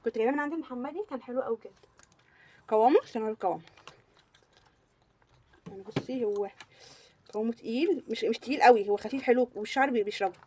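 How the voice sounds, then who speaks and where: A woman's voice: a little high, racing, long pauses, mellow, a little hiss or hum. A young woman with an Egyptian Arabic accent, gushing through a casual beauty product review and repeating words for emphasis. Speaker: beauty vlogger.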